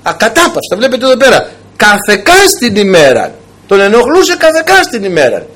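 A man's voice: high voice, huge pitch swings, a bit bright. A man preaching a sermon, telling stories and speaking directly to his congregation with emphasis. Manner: emphatic, storytelling delivery with a direct address to the congregation.

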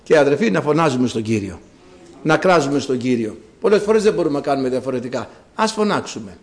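A man preaching a sermon and reading scripture, repeating phrases with emphasis and breaking into sudden high exclamations. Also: lively intonation.

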